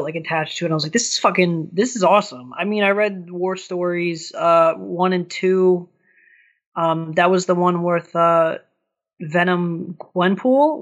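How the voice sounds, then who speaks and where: A man's voice: sits high, dull audio. A man co-hosting a casual podcast, rambling with enthusiasm and swearing casually. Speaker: podcast co-host. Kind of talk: casual chat.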